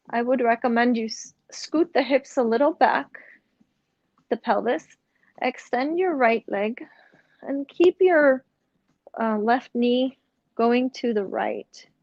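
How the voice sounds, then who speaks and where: A young woman leads a yoga session at a slow, unhurried pace, her voice mellow and a touch high. Her cues are gentle and mixed with chatty asides. The recording is dry and slightly dull. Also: no echo. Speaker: yoga instructor. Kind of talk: guided yoga instruction.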